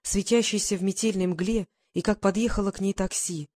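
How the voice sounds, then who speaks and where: A woman narrating a novel in a calm, even reading voice. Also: medium pitch, fairly quick. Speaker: audiobook narrator. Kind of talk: scripted narration.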